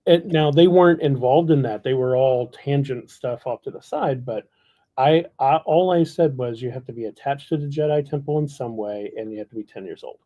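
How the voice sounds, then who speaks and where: A man's voice: mid-range voice, moderate pace, dull audio. A man from Texas, a guest on a casual livestream, explaining how he runs tabletop campaigns in a laid-back way. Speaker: guest, tabletop game master.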